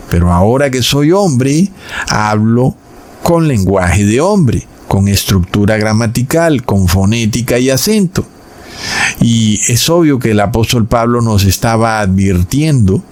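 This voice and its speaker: A man preaching in a sermon-style Bible lesson, addressing his listeners as brothers and slowing down on key words for emphasis. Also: mid-range voice, a little mellow.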